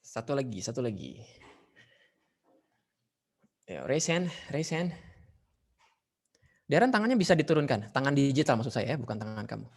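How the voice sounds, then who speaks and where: A man with an Indonesian accent leads an online leadership lesson for students. He talks in a lively way, asking questions, calling on students and dropping English phrases into his explanations. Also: medium pitch, moderate pace, vocal fry, long pauses. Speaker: teacher leading a leadership training session. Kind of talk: online class lecture.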